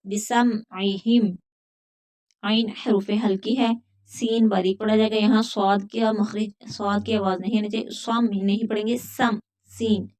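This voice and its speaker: A woman teaching a Quran recitation lesson, patiently explaining pronunciation rules step by step and repeating words slowly. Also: medium pitch, little pitch movement, a little mellow. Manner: recites verses in a drawn-out chant.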